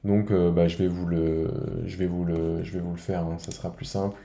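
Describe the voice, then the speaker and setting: A man from France, giving a casual improvised software tutorial and thinking aloud step by step. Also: deep voice, little pitch movement, fairly quick, echoey room. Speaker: video editing tutorial presenter.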